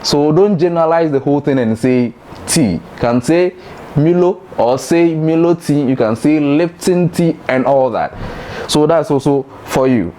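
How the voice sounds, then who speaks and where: A man with a Ghanaian accent hosting a light educational talk, playful and laughing, jumping into high mock voices. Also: expressive, normal speed, mellow, slight background noise. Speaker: host.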